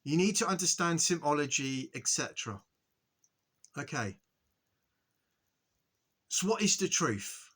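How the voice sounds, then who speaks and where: A man with a bright, slightly high voice delivers an earnest spiritual monologue straight to his viewers. He talks in halting bursts, restarts and stumbles over his words, and keeps checking in with a quick "okay?". The delivery stays solemn and insistent throughout. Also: sing-song, slightly rough. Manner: earnest, repetitive, frequent "okay?" check-ins. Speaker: spiritual video host.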